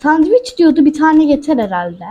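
A woman's voice: high voice, big pitch swings, moderate pace, dark tone. A woman hosting a gaming channel, chatting casually to her viewers as she plays and talking back to a character in the game. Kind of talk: casual let's-play commentary.

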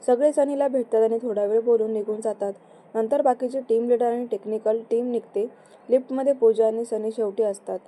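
A woman narrating a romance story in a steady, even storytelling manner. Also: on the high side, brisk, rough recording.

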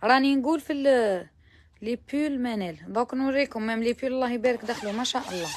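A woman with an Algerian Arabic accent showing abayas to viewers in a chatty shop walkthrough, mixing in French words and sometimes dropping to a near whisper. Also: on the high side. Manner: chatty, mixes French words, praising each garment. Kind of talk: live shopping try-on walkthrough.

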